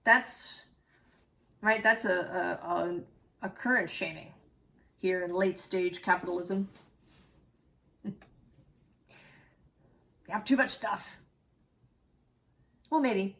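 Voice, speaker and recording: A woman's voice: mid-range voice, takes it slowly, pauses often, bright, forceful tone. A woman giving a casual, reflective tarot reading, musing aloud and correcting herself as she goes. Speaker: tarot reader.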